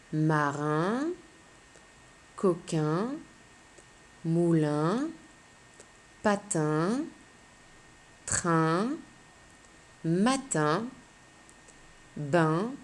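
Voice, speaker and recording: Young children hear a woman with a mid-range, darkish voice teach phonics slowly and clearly, as she patiently spells letters out individually.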